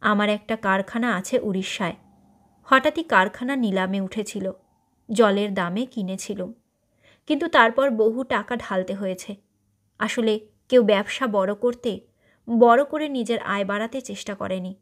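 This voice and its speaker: A woman's voice: medium pitch, normal speed, close to an everyday voice. A woman voicing an ailing older wealthy man who speaks earnestly and persuasively in a story reading.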